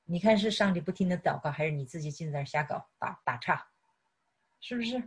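A woman's voice: fairly low pitch, lively intonation, fast, slightly rough. A middle-aged woman teaching a sermon on prayer, chiding her listeners with rhetorical questions and stumbling over repeated words. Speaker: Bible teacher.

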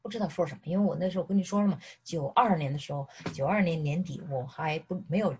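A middle-aged woman from mainland China gives an animated sermon, mixing personal testimony with questions to her listeners. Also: deep voice, fast, slight background noise. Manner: animated, repeatedly asks "是不是". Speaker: preacher.

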